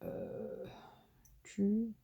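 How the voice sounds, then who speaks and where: A woman's voice: drawn-out words, warm tone, whispered, lo-fi sound. A woman with a southern French accent hosting a casual crafting tutorial, chatting to herself and teasing herself as she works. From southern France. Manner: chatty, talks to herself and teases herself while working.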